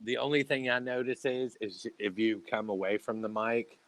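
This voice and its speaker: A man's voice: mid-range voice, normal speed, fairly bright tone, no echo, low-quality recording. A man co-hosting a casual podcast chat, laid-back and joking, with many fillers. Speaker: podcast co-host. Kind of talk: casual chat over a call.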